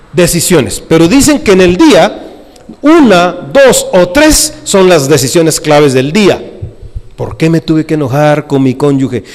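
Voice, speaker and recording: A man's voice: fairly high pitch, a little mellow. A middle-aged man preaching a sermon in church, asking the congregation to respond and acting out quoted voices. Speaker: pastor. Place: church sanctuary. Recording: long hall reverb.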